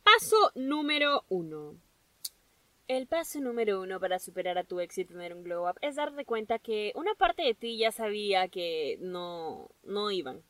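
A woman hosting a solo podcast, giving an excitable, gushing pep talk and dropping English phrases into her speech. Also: mid-range voice, normal speed, hardly any pauses, dry recording, far from the mic. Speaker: podcast host.

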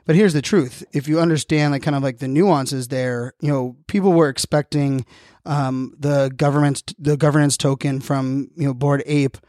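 A man's voice: medium pitch, steady tone, normal speed, darkish tone, no room sound. A man hosting a casual solo podcast, rambling and often leaning on "you know", recorded on a close studio microphone. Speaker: podcast host.

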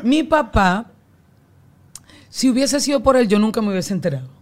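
A woman in her forties with a Venezuelan accent, a guest telling family stories in a loose, animated way full of restarts and slang. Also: a little high, moderate pace. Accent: Venezuelan Spanish. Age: 40s. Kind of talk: casual storytelling chat.

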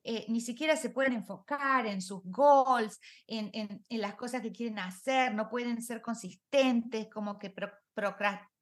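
A woman's voice: a little high, unhurried, few pauses. A middle-aged woman, a life coach talking in an interview, reflective, with many rhetorical questions and English words mixed in. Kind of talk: conversational interview.

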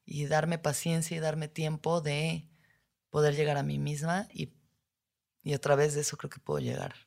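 A woman's voice: low-pitched, moderate pace, gravelly, a little mellow. A woman with a Mexican accent, hosting a podcast and talking candidly about her feelings in casual, slang-filled speech. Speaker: podcast host. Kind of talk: personal reflective monologue.

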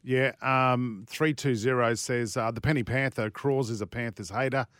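A man's voice: mid-range voice, steady tone, moderate pace, fairly bright tone, smooth, dry recording. Australian male radio host, dry studio sound. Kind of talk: casual radio banter.

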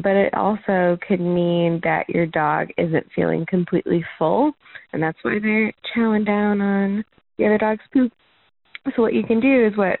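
A woman's voice: on the low side, creaky, dry recording. A woman caller leaving a casual voicemail that explains her advice. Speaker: listener calling in with advice. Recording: thin, dry phone line.

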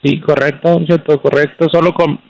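A man calling in to a radio show, speaking haltingly and searching for his words. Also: on the high side, level tone, creaky, a little mellow, dull audio. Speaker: caller. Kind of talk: hesitant phone-in talk about his anxiety.

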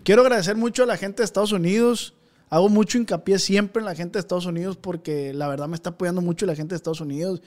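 Male podcast host with a high voice, Sinaloan Mexican accent, informal street slang, relaxed conversational delivery. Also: fast talker. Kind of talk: casual chat.

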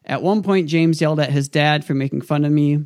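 A man's voice: on the high side, fairly quick, darkish tone, no echo. A man hosting a podcast, telling stories about a friend in a dry, wry way. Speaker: podcast host. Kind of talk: scripted narration and casual chat.

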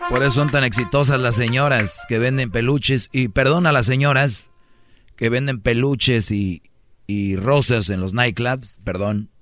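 A man's voice: mid-range voice, steady tone, measured pace, fairly bright tone, faint music behind. A man with a Mexican accent doing a comic, preachy advice monologue as a radio host. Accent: Mexican Spanish. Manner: brash, preachy, mimics voices for jokes.

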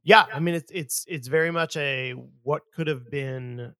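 A man's voice: fairly high pitch, measured pace, pushed and bright, clean tone, no room sound, studio quality. A man co-hosting a podcast, laid-back and casual, often answering with short agreements. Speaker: podcast co-host. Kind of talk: casual music chat.

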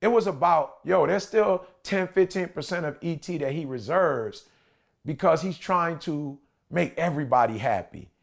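A man's voice: on the high side, moderate pace, gravelly. An American man in his forties telling personal stories in a casual chat, with an emphatic, slangy, repetitive delivery of a preacher and motivational speaker. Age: 40s. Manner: emphatic, repetitive, slangy, often checking the listener follows. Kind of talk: animated personal storytelling in a casual podcast chat.

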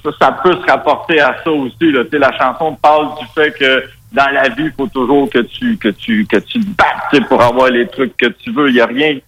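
A man's voice: mid-range voice, brisk, vocal fry, fairly bright tone. A man with a Québécois French accent, a metal musician talking casually in a radio interview, rambling with many restarts and fillers. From Quebec, Canada. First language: Spanish. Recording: radio broadcast.

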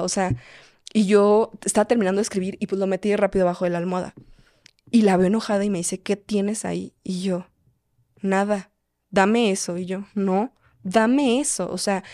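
A young woman tells a personal story in a halting, restarting way, with a voice of middling pitch. She is recorded close on a podcast mic in a dry space with no room echo. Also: mellow. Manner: quick, halting, frequent restarts and "o sea". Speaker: podcast host.

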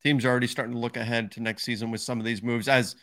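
A man hosts a casual basketball podcast, keeping things moving by asking his co-host for thoughts on each move. His tone is relaxed and conversational. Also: mid-range voice, rapid-fire. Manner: prompts co-host with questions.

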